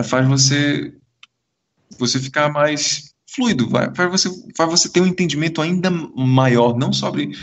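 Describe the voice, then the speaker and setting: A man's voice: mid-range voice, a little hiss or hum. A man co-hosting a podcast, talking in a casual, reflective way, often restarting sentences as he searches for words. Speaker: podcast co-host. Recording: dull lo-fi sound.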